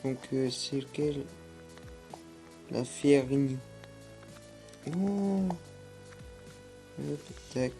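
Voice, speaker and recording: A young man chats over his gameplay, hesitant and full of fillers. His voice sits at an ordinary middle pitch. Soft music plays faintly underneath. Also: extremely slow, creaky, pauses often. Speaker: gaming YouTuber. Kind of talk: casual gameplay commentary.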